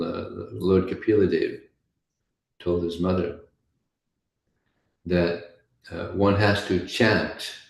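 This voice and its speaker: A man giving an informal scripture class, telling stories in a chatty way and often breaking into soft laughs. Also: low voice, creaky, echoey room, rough recording. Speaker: devotional class speaker.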